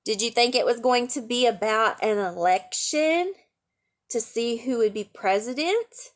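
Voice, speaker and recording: Her voice is on the high side with lively intonation, and she never hurries. This storytime reader and teacher reads a picture book to young children, sprinkling in chatty comments, simple explanations and questions for them.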